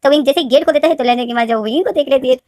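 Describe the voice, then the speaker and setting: A woman's voice: high-pitched, racing, darkish tone, no echo, studio quality. A woman retelling her own fan fiction story in a casual, rambling way, often repeating and restarting. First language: Hindi. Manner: rambling, repetitive.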